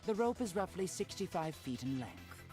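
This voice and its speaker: A man voicing a young male student who calmly recites measurements, heard through a distant flashback echo, in a fan voice-over of a game. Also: high-pitched, normal speed, faint music behind. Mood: factual.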